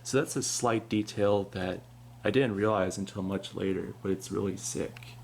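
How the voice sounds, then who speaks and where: Chill guy showing off props, flat n matter of fact, lots of vocal fry, bit of hum. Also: on the low side, moderate pace. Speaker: prop collector presenting his animatronics. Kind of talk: casual product comparison commentary.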